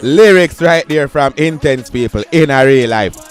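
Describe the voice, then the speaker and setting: A man's voice: fairly high pitch, moderate pace, clean tone. Jamaican man giving patois music commentary. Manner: chatty patois, keeps addressing viewers as "people". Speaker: dancehall news commentator. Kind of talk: YouTube commentary.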